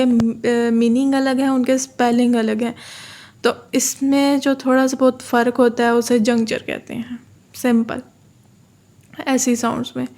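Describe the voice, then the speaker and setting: Lady tutor, slow and flat, repeats the key terms. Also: on the high side. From Pakistan. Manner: explains slowly, repeats key terms, reads English definitions aloud. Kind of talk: exam-prep lecture.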